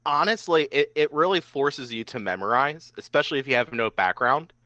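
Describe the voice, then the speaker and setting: On a dry, slightly dull podcast mic with no room sound, a young male guest looks back on old memories, talking fairly fast with a bright, forceful, animated mid-range voice. "Like" crops up constantly as he chats casually.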